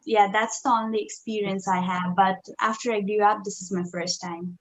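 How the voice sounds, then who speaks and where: A woman's voice: medium pitch, fairly even intonation, moderate pace. A woman, a pageant contestant, chatting eagerly with the judges and often using fillers. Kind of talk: answering judges' questions. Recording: dull lo-fi audio.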